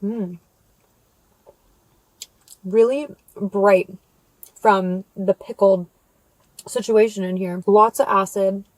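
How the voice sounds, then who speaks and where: A woman from the US, a food vlogger doing mukbang, eats crunchy fried chicken and shares a casual review with viewers between bites. Her medium-pitched voice is slow and fairly even in intonation, captured on a dry, low-quality recording.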